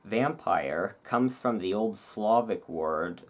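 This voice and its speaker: A thunderstorm rumbles over room noise as a host talks slowly in a low, expressive voice at home. Poking fun at himself, he chats in a rambling, casual way around a book reading meant for ASMR listeners.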